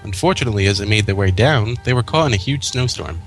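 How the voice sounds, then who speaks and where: Over background music, a man co-hosts and narrates a fan fiction story, reading it aloud. His voice sits on the low side and moves at a quick pace, with an expressive delivery.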